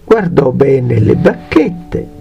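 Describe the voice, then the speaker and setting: A man narrating a fairy tale for children in a lively sing-song manner. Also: mid-range voice, slow pace, vocal fry, dull audio, faint music behind. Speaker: storyteller.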